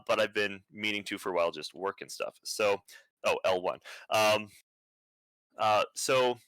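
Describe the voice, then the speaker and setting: Speaking in a lowish voice, a young man gives an online conference presentation that's flat and nearly monotone, peppered with fillers and false starts. The recording is rough but has no echo.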